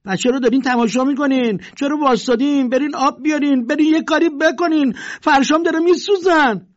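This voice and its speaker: A man's voice: extremely high pitch, voice pushed up. A man voicing a panicked older male carpet merchant who shrieks and bosses people around. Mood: frantic bossy. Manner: shrieking, frantic, bossy. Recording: dull lo-fi recording.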